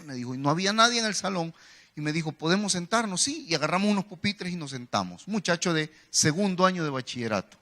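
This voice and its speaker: A Salvadoran male preacher delivers a sermon in church, weaving personal testimony into his message. His voice sits high and rings bright. He talks straight to the congregation, often calling them "brother". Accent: Salvadoran Spanish. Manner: storytelling, addresses listeners as "hermano".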